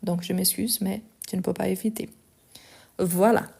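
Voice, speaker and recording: Mellow-voiced woman teaching French live. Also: medium pitch, fairly even intonation, gravelly, slightly rough. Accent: Lyon French. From France and Brazil. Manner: explanatory, repeats forms slowly, gets indignant answering critics. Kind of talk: live online grammar lesson.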